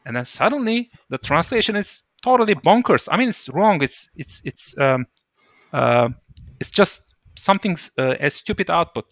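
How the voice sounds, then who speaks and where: A man talks as a guest in a relaxed discussion. His voice is bright and slightly high, and the sound is close and dry. He explains carefully, then leans into his points with lively emphasis. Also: normal speed, no room sound. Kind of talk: casual discussion.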